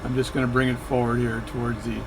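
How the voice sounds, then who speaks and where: Talking fast with a completely flat delivery, a medium-pitched flight sim video creator narrates his session. He chats and rambles, often correcting himself partway through a sentence, with background noise throughout.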